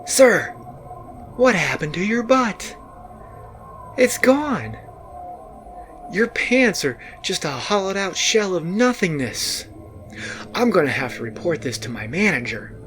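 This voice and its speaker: A man voicing a young woman working a donut counter, in a high, alarmed tone. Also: sing-song, slow pace, long pauses, a bit bright, faint music behind, exaggerated voice.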